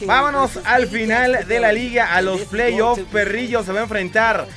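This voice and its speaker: A man's voice: high-pitched, normal speed, pushed and bright, soft background music. A man hosting a casual gaming chat show, playful and full of slang nicknames for his audience. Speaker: co-host.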